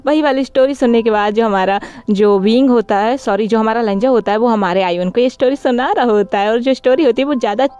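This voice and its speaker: Lady recapping a story, chatty and rambly, smooth mellow voice, bit higher pitch. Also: fast talker, muffled recording. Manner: chatty, rambling with self-corrections.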